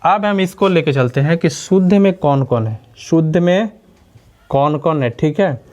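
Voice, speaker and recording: Male teacher, slightly high voice, lesson style, quizzes the class and repeats terms. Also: measured pace, a little mellow, highs cut off. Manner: repeats key words and quizzes listeners with questions. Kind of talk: classroom lecture.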